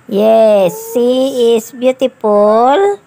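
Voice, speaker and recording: A woman talks to a little child as she babysits, in soft, coaxing baby talk with a lot of hushing. Her voice sits a little high and she speaks very slowly, pulling out each phrase, with a faint hiss of noise behind her. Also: vocal fry. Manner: mixes English words into her talk. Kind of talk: vlog, talking to a toddler.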